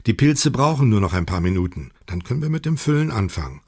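A man voicing a calm, matter-of-fact middle-aged mother who talks briskly. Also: fairly low pitch, breathy edge, full character voice.

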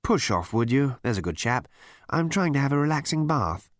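A man's voice: medium pitch, sing-song, normal speed, no room sound, clean studio sound, voice pushed up, natural voice. A man voicing a mild, bemused, chummy and idle spaceship captain in a comic science fiction audiobook. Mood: gently admonishing. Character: vague, genial, idle spaceship captain lounging in bath.

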